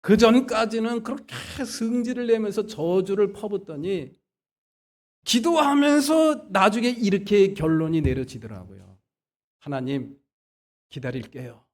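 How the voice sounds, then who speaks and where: A man preaching a Sunday sermon as pastor. He moves between quiet asides and loud, emphatic exhortation. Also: high voice, expressive, measured pace. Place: church sanctuary.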